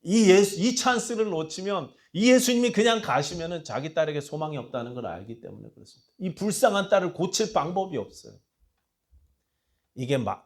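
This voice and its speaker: A man preaching a sermon in a church, swinging from hushed asides to loud, impassioned cries and reading scripture aloud with the congregation. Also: a little high. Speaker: pastor. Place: church sanctuary.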